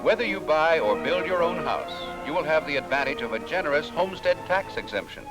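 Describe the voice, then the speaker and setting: A man's voice: fairly high pitch, expressive, a little fast. A man giving vintage newsreel narration in an upbeat promotional tone. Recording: narration over loud music.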